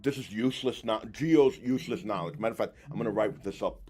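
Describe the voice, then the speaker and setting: A man hosting a podcast in casual chat, telling stories in a halting, rambling way with many restarts. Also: on the low side, a little mellow. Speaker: podcast host.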